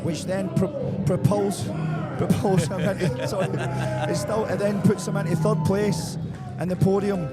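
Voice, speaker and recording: A man commentating live at a powerlifting event, announcing lifters with excitable energy and quick self-corrections, with loud music playing behind. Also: high-pitched.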